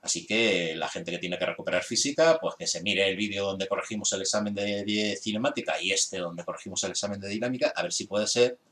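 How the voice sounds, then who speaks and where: A man's voice: low-pitched, pushed and bright. A man who is a physics teacher, methodically working through an exam solution step by step for his students. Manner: exasperated with students' grades.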